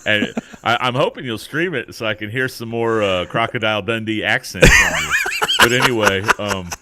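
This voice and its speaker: A man's voice: fairly low pitch, animated, normal speed, very noisy. A man co-hosting a casual gaming podcast, talking in a loose, rambling way with casual swearing. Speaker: podcast co-host.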